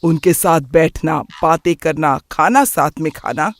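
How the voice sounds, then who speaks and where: Cartoon mom: a stern traditional mother, firm, slow and scolding. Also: sits low, no room sound. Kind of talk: cartoon voice acting.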